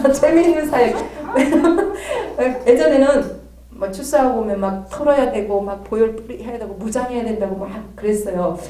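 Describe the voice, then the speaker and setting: A woman's voice: mid-range voice, mellow. A woman giving a classroom lecture at a theology institute, talking conversationally and often checking in with her listeners. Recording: roomy, from a distance.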